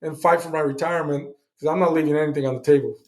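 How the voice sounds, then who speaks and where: A man's voice: a little high, fairly even intonation, racing, darkish tone. A middle-aged man, a Navy veteran guest, telling his service story in a blunt, casual way, with swearing and acted-out dialogue.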